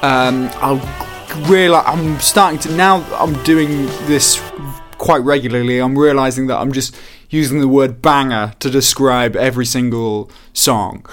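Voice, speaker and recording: Male podcast host, unhurried, rambling, self-mocking, average pitch. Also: steady tone, faint music behind. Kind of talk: casual chat.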